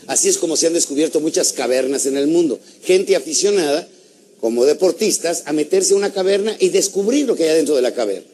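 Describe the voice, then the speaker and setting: A man giving a lively motivational talk, asking his audience questions and acting out little stories. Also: on the high side, fast talker, a little hiss or hum. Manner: animated, asks the audience questions, acts out stories. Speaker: motivational speaker.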